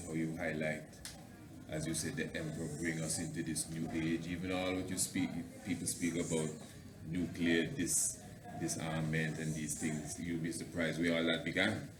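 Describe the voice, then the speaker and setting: A man with a deep voice speaks as an interviewer in Rastafarian speech. He works toward his questions in long, repetitive loops. The room is echoey, with faint noise behind him. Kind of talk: interview, casual theological discussion. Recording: roomy echo, faint background noise.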